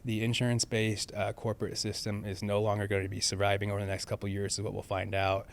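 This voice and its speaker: A man's voice: fairly low pitch, monotone, fast, creaky, a little hiss or hum. A man in his forties, a family physician guesting on a podcast, talking emphatically and often tagging his sentences with "okay?". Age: 40s. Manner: emphatic, peppers speech with "okay?". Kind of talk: casual interview talk.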